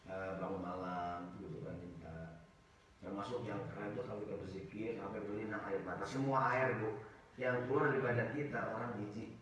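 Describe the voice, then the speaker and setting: A man's voice: fairly low pitch, level tone, normal speed, muffled recording, crowd noise. Man preaching in an echoey hall. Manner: acts out congregants' complaints in raised voices, jokes with the audience. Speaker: ustaz giving a study circle talk. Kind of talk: casual humorous sermon. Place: mosque hall. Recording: echoey mosque hall from far off.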